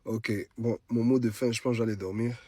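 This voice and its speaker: A medium-pitched man talks fairly quickly with fairly even intonation, and background noise is audible. He's a social media streamer with an Ivorian French accent and a cold, casually and animatedly chatting to followers late at night while repeating phrases for emphasis.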